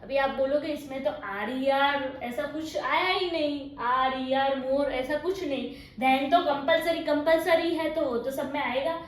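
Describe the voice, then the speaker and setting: A woman's voice: high-pitched, unhurried, hardly any pauses. A woman with a Gujarati accent teaching English grammar, mixing Hindi and English, drawing out her example sentences and often checking "okay?". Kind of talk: classroom-style grammar lesson. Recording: echoey room with faint noise.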